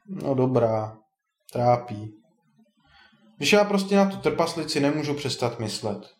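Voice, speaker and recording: A man's voice: mid-range voice, expressive, natural voice. A man doing a timid lovesick dwarf. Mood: puzzled. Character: lovesick young male dwarf, timid and puzzled. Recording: roomy echo.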